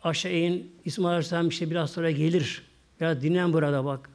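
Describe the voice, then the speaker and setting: A man voicing a shy, devout young wife who speaks in a softly grateful, pleading way. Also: fairly high pitch, steady tone, fast, lightly acted.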